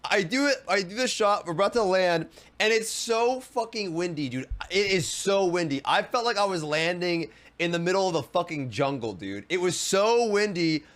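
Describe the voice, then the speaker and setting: A casual, expletive-heavy male storyteller with a noticeably high-pitched voice. He talks fast and freely, exasperated and animated, with swearing throughout. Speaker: vlogger.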